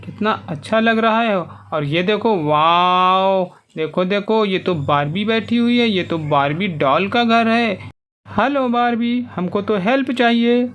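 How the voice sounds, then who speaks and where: Very high-voiced man narrating toy play. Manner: animated, coaxing, exclamatory. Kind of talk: playful toy narration for children.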